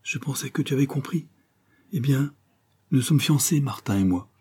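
A man's voice: mid-range voice, lively intonation, moderate pace, darkish tone, breathy edge, pitched above the performer's own voice. A man reading an audiobook voices a young woman torn by love, with a trembling, plaintive delivery. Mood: pleading.

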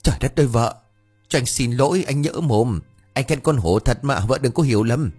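A man voicing a cheeky, gossipy young village man who talks high and whiny, speeding up when upset. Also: moderate pace, a little mellow, husky, soft background music, natural voice. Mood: pleading.

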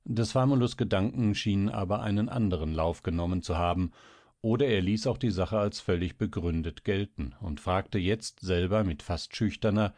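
Ein Mann liest einen klassischen Roman vor, mit sehr tiefer Stimme und ruhigem, gleichmäßigem Erzählton. Die Aufnahme ist trocken, ohne Hall, nah am Mikrofon. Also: male voice, sits low, moderate pace, darkish tone. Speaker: narrator. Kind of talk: audiobook reading of a classic novel.

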